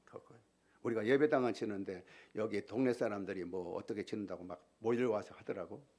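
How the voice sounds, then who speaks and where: A middle-aged man preaching a Sunday sermon as pastor in a church sanctuary, emphatic, repeating key phrases and swinging from loud outbursts to near-whispers. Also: fairly low pitch, fairly quick.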